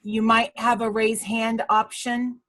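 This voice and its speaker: Measured woman answering questions on a call. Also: on the high side, flat delivery, a bit bright, poor audio. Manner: measured, informative, with frequent fillers. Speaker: college staff trainer. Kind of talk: video call training session. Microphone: video call.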